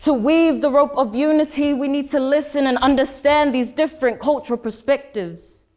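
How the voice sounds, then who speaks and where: At a school speech competition, a late-teen student speaker from Samoa gives a rehearsed oratory speech in a high voice with a darkish tone. She's emphatic and pauses deliberately, slowing sharply on the lines she wants to land.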